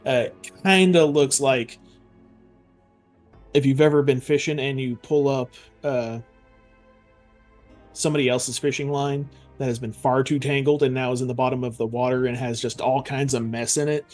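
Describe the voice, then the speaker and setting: A man with a mid-pitched voice improvises as a player in a tabletop game. He talks casually and haltingly, thinking aloud as he goes, with soft music behind him. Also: fairly even intonation. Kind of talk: casual improvised game role-play and description.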